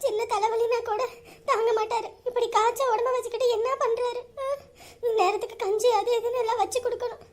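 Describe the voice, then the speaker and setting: A sobbing, very high-pitched young daughter, played by a woman, pleading through tears and worry. She talks fast and breathlessly in a comic family skit. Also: level tone, darkish tone. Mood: tearful. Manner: weepy, pleading. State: crying. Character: tearful young married daughter.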